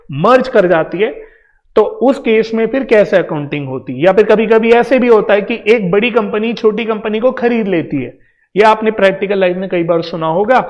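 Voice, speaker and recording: A man with an Indian accent, teaching accountancy in an online coaching lecture, explaining patiently and addressing students directly. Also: high-pitched. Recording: dull sound with long reverb.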